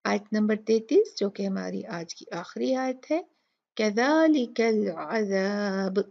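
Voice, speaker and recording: A woman teaching a Quran recitation lesson. She explains each letter methodically and models slow recitation. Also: medium pitch, expressive, gravelly, mellow. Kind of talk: tajweed tutorial. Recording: dull lo-fi recording.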